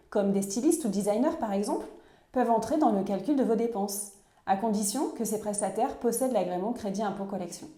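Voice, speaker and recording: A woman reading a scripted voice-over explainer in a clear, measured, instructive way. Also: mid-range voice, mellow, echoey room. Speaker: narrator of a tax explainer video.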